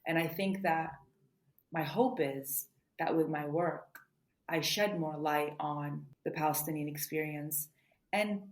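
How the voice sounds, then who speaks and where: Woman, low voice, earnest, fast talking, roomy echoey sound. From United States. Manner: earnest, quick, many "you know" fillers. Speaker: author being interviewed. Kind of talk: podcast interview answers. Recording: roomy echo.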